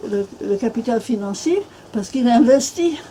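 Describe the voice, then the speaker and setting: Older american woman, english native, stumbling through french, kinda high voice, faint hiss behind. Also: expressive, warm tone, rough recording. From Minnesota, USA. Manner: halting, many restarts and fillers. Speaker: author and guest speaker. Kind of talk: panel discussion. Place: bookshop event room.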